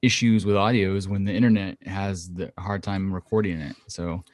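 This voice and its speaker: A podcast co-host talks at length into a studio condenser mic at home, rambling and packing his explanations with fillers. His intonation stays fairly even and his pace moderate, with studio-quality sound and no room sound. He thinks his voice is high-pitched.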